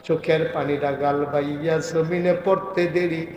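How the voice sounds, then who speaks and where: A man preaching a waz sermon to a gathering, swinging from loud, crying appeals down to low storytelling. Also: steady tone, a little slow, roomy sound, big-room sound, slight background noise.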